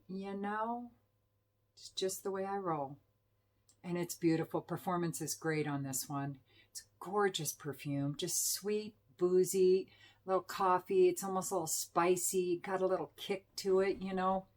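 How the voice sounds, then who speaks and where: A middle-aged woman chatting enthusiastically as a perfume reviewer, with fillers and self-corrections. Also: mid-range voice. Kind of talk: casual product review.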